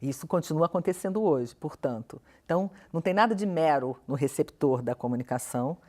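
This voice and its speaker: Her voice low-pitched, darkish and expressive, a Brazilian academic moves at a brisk pace as an interview guest in a television studio. A professor and researcher, she explains her views articulately and questioningly, emphasizing key words.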